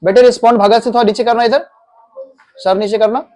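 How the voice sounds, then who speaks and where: A man teaches a class, repeating each key word and firing quick questions at the students. The sound is dry, with no room echo. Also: very high voice, steady tone, darkish tone. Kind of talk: classroom English lesson.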